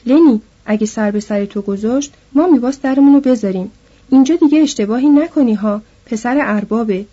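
A woman's voice: fairly high pitch, mellow, slightly rough. A woman voicing a stern, protective man warning his companion, in a dull lo-fi recording. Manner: stern, firm.

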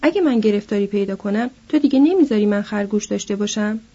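A woman voicing a slow, childlike big man who pleads plaintively, in a dull lo-fi recording. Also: medium pitch, animated, dark tone, breathy edge. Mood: anxious. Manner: plaintive, simple.

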